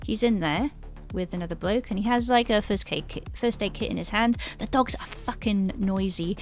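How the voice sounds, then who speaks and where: A woman's voice: mid-range voice, normal speed, soft background music. A woman running a tabletop game, narrating in a casual, rambling way. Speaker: game master.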